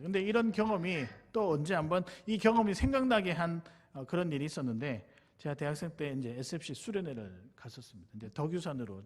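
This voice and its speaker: Middle-aged male pastor, somewhat high, husky voice, earnest sermon storytelling. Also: darkish tone. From Busan, South Korea. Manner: earnest, confessional, addresses the congregation directly. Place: church sanctuary.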